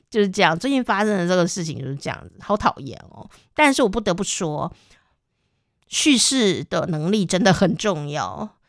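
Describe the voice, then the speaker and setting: Lively Taiwanese-accented woman podcast host. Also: medium pitch, no echo, studio quality. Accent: Taiwanese Mandarin. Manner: animated storyteller who laughs often. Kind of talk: casual podcast chat.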